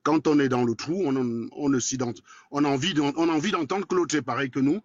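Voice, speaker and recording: A man in his forties with a Cameroonian French accent speaks in a fairly high voice, captured in a dry, dull recording. A guest in a live debate, he's blunt, crude and combative in the casual chat, quick and talkative.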